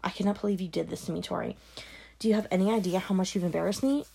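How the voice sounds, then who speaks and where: A cold, controlling middle-aged mother speaks in a sharp, brittle way that sinks toward a hiss, as a woman reader puts her on. Her voice sits low and carries a gravelly fry. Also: rapid-fire. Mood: scolding. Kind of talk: audiobook character voice.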